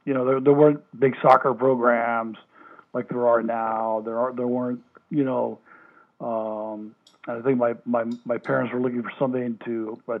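This is a former Olympic swimmer from Hawaii, now an older man, speaking by phone for an oral history. His mid-range voice comes through a tinny line, full of fillers and false starts.

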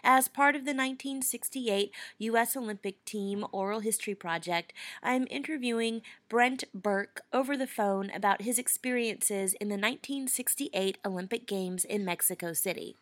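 A woman conducting an oral history interview, asking questions in a formal, measured way. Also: mid-range voice.

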